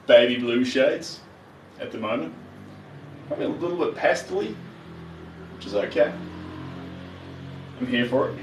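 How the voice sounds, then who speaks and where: A man with a broad New Zealand accent chatting casually and encouragingly to viewers as he hosts a livestream. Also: medium pitch. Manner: encouraging, reassuring. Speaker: livestream host. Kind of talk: casual livestream chat while working, replying to viewers. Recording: roomy, distant mic with faint noise.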